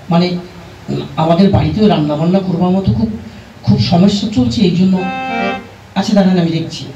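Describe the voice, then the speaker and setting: Hesitant puppet village dad, man performing, high voice, halting comic delivery, roomy dull recording with music. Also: far from the mic, lightly acted. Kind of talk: comic puppet show dialogue.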